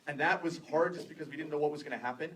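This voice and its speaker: A Canadian man in his thirties, a filmmaker guest at a screening Q&A, telling stories casually and animatedly, laughing and quoting people in lively voices. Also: a little high, racing. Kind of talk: casual Q&A storytelling. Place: theater after a screening. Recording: distant room recording with faint noise.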